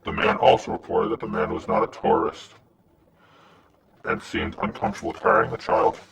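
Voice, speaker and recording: A man's deep, gravelly disguised voice. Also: huge pitch swings, moderate pace. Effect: disguised voice, pitched down and gravelly. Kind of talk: anonymous scripted narration. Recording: noisy, distant-sounding recording.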